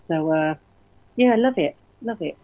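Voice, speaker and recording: A middle-aged woman talks in a chatty, rambling way, her voice husky and a little low. The sound is dry and close but slightly muffled. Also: expressive, normal speed, dark tone, no room sound. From born in Berlin, grew up in London. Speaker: radio station founder, guest. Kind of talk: casual interview talk.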